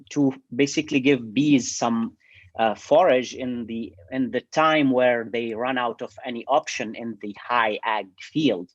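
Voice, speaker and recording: A man's voice: mid-range voice, dry recording, lo-fi sound. A man from Syria, explaining his bee research in an interview with many hesitations and restarts. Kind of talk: interview answers.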